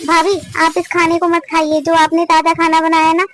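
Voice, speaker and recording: A woman's voice: extremely high pitch, completely flat delivery, normal speed, a bit bright, soft background music. A woman voicing a caring, firm young sister-in-law in a cartoon family drama, lecturing her mother.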